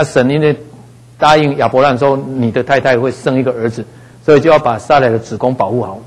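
Husky man teaching the Bible casually. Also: mid-range voice, poor audio. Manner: conversational, frequent "哈" fillers, acts out voices in quotes.

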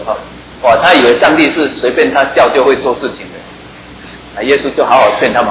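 A man's voice: on the high side, a bit bright, roomy sound, slight background noise, rough recording. A man preaching a sermon in a chatty, joking way, often putting questions to his listeners.

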